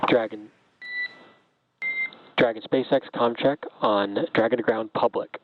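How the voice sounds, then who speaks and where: A male ground controller speaks over a radio comm loop that keeps breaking up. His voice comes through thin and phone-like, with beeps on the line. He talks in a calm, procedural way. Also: medium pitch, measured pace. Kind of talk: radio communications check.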